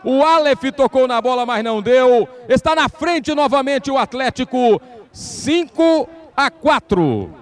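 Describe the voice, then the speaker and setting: A man's voice: extremely high pitch, lively intonation, measured pace. A Brazilian man commentating on live football, analysing each penalty kick.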